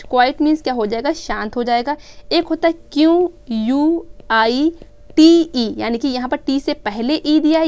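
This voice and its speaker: A woman's voice: on the high side, smooth. A woman with an Indian English accent teaching an exam-prep grammar lesson. She explains step by step and keeps asking and answering her own questions. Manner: mixes English terms into her teaching talk.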